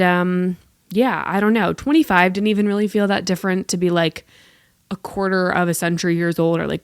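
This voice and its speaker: With a voice on the low side, a late-twenties American woman rambles through a casual solo podcast, making self-deprecating remarks and filling her speech with "like." The studio sound is clean, with no room sound.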